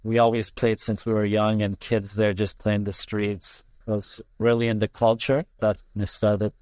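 Telling his own story in a casual interview, this understated guest is a soccer player born in Iran and raised mostly in Canada; English is not his first language. He speaks with a low, slightly mellow voice, flat delivery and moderate pace, and the recording has no room sound.

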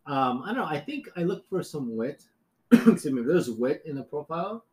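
Man, middle-aged, a bit high-pitched, rambling, self-correcting, joking. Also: big pitch swings, normal speed, a little mellow, low-quality recording. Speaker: guest. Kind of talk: casual podcast chat.

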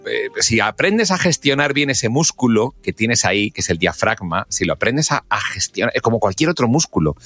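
A man with years in radio, talking through tips in a casual podcast chat. His pitch swings widely and he acts out examples as he goes, with faint music underneath. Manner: lively, animated speaker, acts out examples, bursts into shouted goal calls. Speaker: guest mentor and radio broadcaster. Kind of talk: casual advice talk on a podcast.

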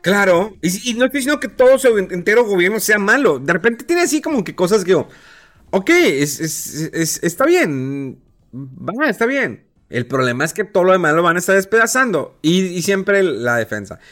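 A man's voice: high-pitched, very animated, normal speed, a bit bright, soft background music. A man with a Mexican accent, talking casually and animatedly with slang, mocking other people in put-on voices. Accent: Mexican Spanish. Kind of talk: casual opinion chat.

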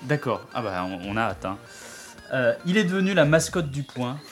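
A man's voice: medium pitch, very animated, normal speed. French guy hosting a football podcast, jokey and teasing, lots of euh, a bit of music underneath. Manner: jokey, teasing introductions with frequent fillers. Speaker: podcast host. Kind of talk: casual sports podcast banter.

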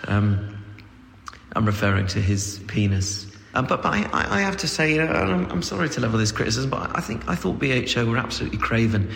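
A man's voice: mid-range voice, big pitch swings, fast talker, creaky, fairly bright tone, a little hiss or hum. A man doing a pompous rambling fan. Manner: rambling, pompous, filler-heavy. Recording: echoey hall.

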